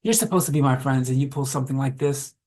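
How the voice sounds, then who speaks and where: A man's voice: medium pitch, fast talker, darkish tone, lightly acted. A man playing a terrified, pleading young man. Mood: indignant. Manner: pleading, desperate. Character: terrified young man trapped in a haunted house.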